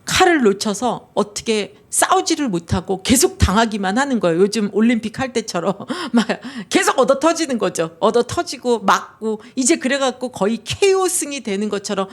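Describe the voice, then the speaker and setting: A woman, a pastor's wife, preaching a sermon in an animated storytelling way and asking her listeners questions. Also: on the high side, moderate pace, hardly any pauses. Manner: animated storytelling with quoted dialogue.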